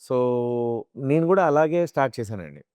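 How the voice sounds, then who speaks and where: A man, a mimicry artist, telling animated stories about his life and slipping into imitated voices. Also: fairly high pitch, a little fast, no echo, clean studio sound. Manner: animated storyteller who slips into chanting and imitated voices. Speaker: mimicry artist, interview guest. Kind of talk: casual interview storytelling.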